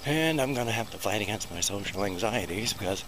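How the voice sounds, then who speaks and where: The audio is poor in this casual walking vlog, where a middle-aged American man with a fairly low, expressive voice talks a little fast. He rambles and teases himself as he makes his way through a small town by a busy road, recorder close to his mouth and loud traffic rushing by.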